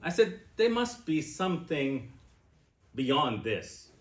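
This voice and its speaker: Lively, slow-spoken man in his sixties. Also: a little high, roomy sound. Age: 60s. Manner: animated, questioning the audience. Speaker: speaker. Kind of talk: personal testimony speech.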